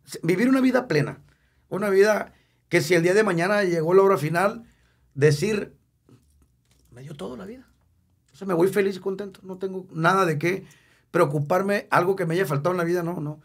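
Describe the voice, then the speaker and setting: A Mexican man in his fifties with a husky, slightly raised voice. He talks openly and with feeling as an interview guest. He jokes easily and leans on repeated words to drive a point home. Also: high voice, a little fast. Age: 50s. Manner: emotional, candid, jokey, repeats words for emphasis. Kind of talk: candid casual interview.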